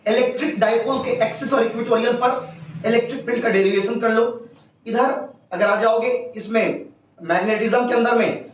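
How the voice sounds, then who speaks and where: A man's voice: very high-pitched, fairly even intonation, normal speed, a little hiss or hum. A man who teaches physics, giving emphatic exam tips as an interview guest and rattling off lists of topics. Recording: echoey, distant, dull room sound.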